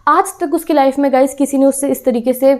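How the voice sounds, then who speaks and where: Her voice is high-pitched and a little mellow, with fairly even intonation and a brisk pace, as this woman teacher explains a class 10 English chapter. Retelling the story patiently for her students, she blends in English phrases and keeps asking "theek hai."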